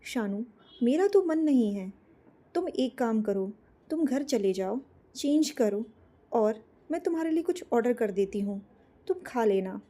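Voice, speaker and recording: A woman voicing a tender young woman, a grieving older sister who speaks softly and caringly. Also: on the high side, expressive, a little slow.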